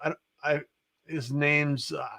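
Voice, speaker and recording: A man hosting a casual conversation in short, measured phrases with hesitant pauses. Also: fairly high pitch, level tone, vocal fry, bright, forceful tone. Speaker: show host.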